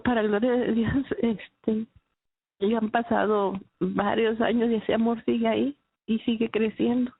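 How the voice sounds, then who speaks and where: A woman giving a halting, emotional personal faith testimony, with many restarts. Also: on the high side, level tone, husky. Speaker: testimony speaker. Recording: dry, phone-like narrow sound.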